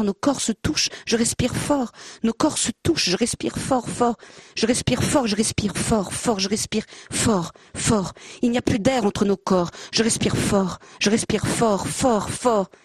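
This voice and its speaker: A woman's voice: on the high side, slightly rough, no room sound, studio quality. Hesitant woman, then reading poetry aloud. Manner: hesitant, searching for words, self-deprecating. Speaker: panel guest. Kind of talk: halting casual talk, then a poetry reading. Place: panel event with a handheld mic.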